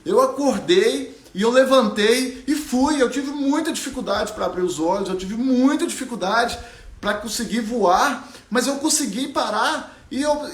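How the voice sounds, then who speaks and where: A man's voice: very high voice, fairly bright tone, echoey room, pitched above the performer's own voice. A man voicing a young, stubborn dreamer bird girl. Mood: insistent. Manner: insistent, pleading.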